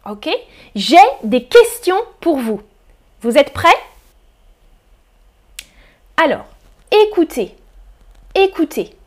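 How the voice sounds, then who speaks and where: Lady teacher doing a live stream lesson, high voice, super slow and careful, greets the chat. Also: big pitch swings. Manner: slow, deliberate pronunciation drills with repeated examples. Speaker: French teacher.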